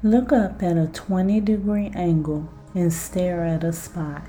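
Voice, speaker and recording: A woman guiding a self-hypnosis relaxation in a soothing, deliberate manner, like a sleep story narrator. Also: lowish voice, fairly even intonation, warm tone, faint music behind. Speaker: podcast host and relaxation guide.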